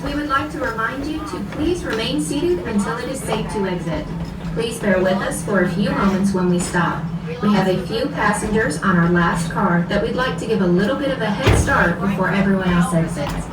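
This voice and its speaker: A woman making polite, measured safety announcements to passengers over an outdoor loudspeaker. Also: medium pitch. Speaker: park staff announcer. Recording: echoey loudspeaker from far off, loud noise.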